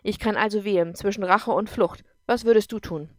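A woman voicing a drunk, bitter man who talks loudly and with contempt, in an audiobook. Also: mid-range voice, fairly quick, dry recording, studio quality, lightly acted. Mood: angry. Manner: loud, contemptuous, pushing. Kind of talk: audiobook character voice.

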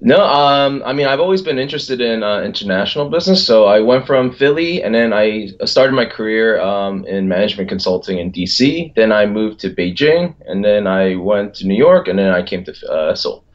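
Guest: thirties man, low-pitched, relaxed, heard over muffled call audio. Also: moderate pace, hardly any pauses. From Philadelphia, United States. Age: 30s. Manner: laughs often, relaxed with fillers. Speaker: guest, company executive. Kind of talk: casual interview over a video call. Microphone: video call.

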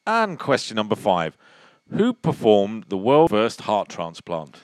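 A man's voice: lowish voice, wildly swooping pitch, a little slow, no echo. A man co-hosting a quiz in casual, jokey banter, teasing his partner as he goes. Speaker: quiz show co-host.

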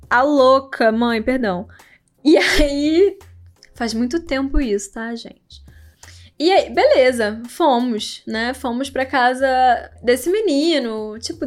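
High-voiced chatty young woman. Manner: chatty, animated, laughing, quotes people in raised voices. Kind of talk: casual storytelling to viewers.

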